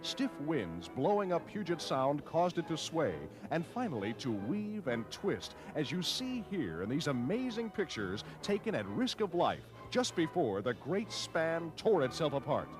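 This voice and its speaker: A man's voice from an old newsreel soundtrack, narrating in a dramatic, declamatory 1940s manner. His pitch sits fairly high and swings widely. Loud music plays behind him. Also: sing-song, unhurried, hardly any pauses.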